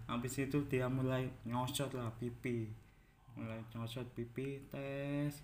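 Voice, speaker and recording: A man's voice: medium pitch, flat delivery, measured pace, darkish tone. A young man, telling a personal story candidly in a casual chat, repeating his words as he goes. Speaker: guest. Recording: echoey room with faint background noise.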